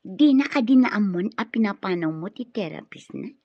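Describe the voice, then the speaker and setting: An actress playing a coy, conniving villain's sweetheart in a radio drama, sly and teasing, with a Filipino accent. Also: female voice, mid-range voice, lively intonation, moderate pace, slightly rough, no room sound, highs cut off. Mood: conniving, amused. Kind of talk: Ilocano radio drama acting.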